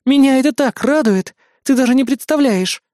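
A man voicing a haughty, sharp-tongued young queen in an audiobook, speaking coldly and curtly. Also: very high voice, moderate pace, no room sound, clean studio sound, voice pushed up. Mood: agitated. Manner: cold, curt, mocking. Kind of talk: audiobook character voice.

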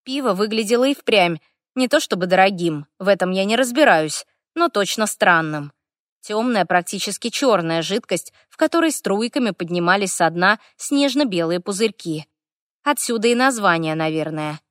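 A woman narrating a first-person fantasy audiobook. Her reading is wry and lively, with ironic asides. The sound is close and completely dry. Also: mid-range voice, normal speed, dry recording.

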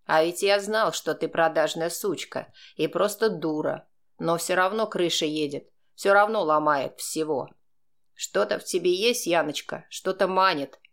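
A woman voicing a calm, mocking, manipulative man who blackmails, speaking slowly in a cold, sneering way. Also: lowish voice, gravelly. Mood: menacing. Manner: slow, sneering, coldly composed.

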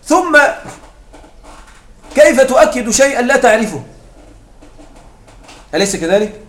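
Guy teaching a grammar class, pretty high voice, keeps asking the students if they follow, roomy echo. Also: very animated, a little slow. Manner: explains with repeated examples and checks understanding with questions. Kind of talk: classroom lecture. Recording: echoey classroom sound.

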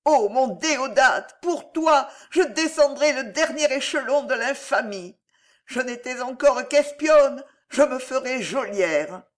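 A woman's voice: high-pitched, lively intonation, takes it slowly, pitched above the performer's own voice. A reader voicing Alice, a desperate, fierce woman spy, in an audiobook with fervent, anguished outbursts. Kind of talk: audiobook character voice.

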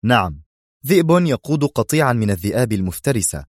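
A cool-headed male commander with a low, dry voice, as a narrator puts him on. He speaks firmly and in clipped phrases, and every line sounds certain. There is no room sound around him. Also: animated, fairly quick, a little mellow, no room sound, lightly acted. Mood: stern.

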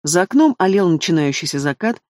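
A man narrating an audiobook in measured storytelling. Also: high voice, sing-song, a little mellow, no echo. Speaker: audiobook reader. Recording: dry close studio sound.

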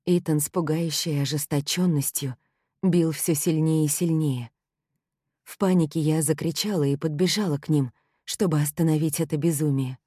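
A woman narrating a first-person story in an even, storytelling delivery. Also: low voice, moderate pace, husky, dry recording, clean studio sound.

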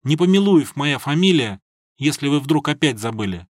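A man's voice: a little high, animated, normal speed, no room sound, studio quality. A man voicing a naive, earnest young male student who pleads and blurts out whatever he thinks, in an audiobook.

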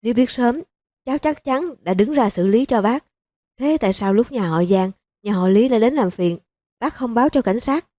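A short-fused police chief who talks straight and curses when angered, as a woman narrator puts him on. The tone stays mellow and warm, recorded dry and close. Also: a little high, lively intonation, moderate pace, dry recording, voice pushed up. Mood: firm. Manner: blunt, forceful, cursing. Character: hot-tempered male police chief, blunt.

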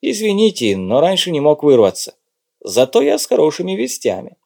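A man's voice: fairly high pitch, huge pitch swings, vocal fry, a little mellow, voice pushed up, heavily acted. A man playing a clipped, cool-headed agent. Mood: tense. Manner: brisk, clipped, occasionally snappish. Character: cool, curt male undercover agent in his prime. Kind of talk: audiobook reading.

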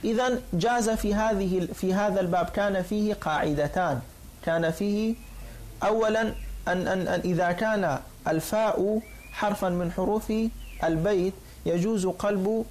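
A man's voice: high-pitched, a little mellow. Man, class teacher, patient drilling delivery, frequent comprehension checks. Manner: patient, repeats and drills forms, checks understanding; halting restarts while explaining. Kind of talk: classroom lecture.

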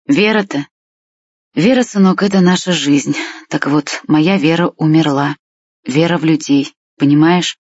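A reader voicing a tearful sixty-year-old village man who talks slowly and sighs with grief, in a husky voice. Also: medium pitch, darkish tone, dry recording, natural voice. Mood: grieving. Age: 60s. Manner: slow, sighing, heavy with grief. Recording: dull lo-fi dry recording.

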